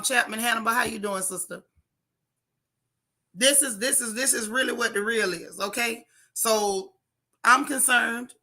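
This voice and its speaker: Bright, raspy, wheezy-voiced woman streamer. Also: medium pitch. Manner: emphatic, preachy, repeats phrases for stress. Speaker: livestream host giving news updates. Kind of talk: casual livestream talk, answering viewer comments.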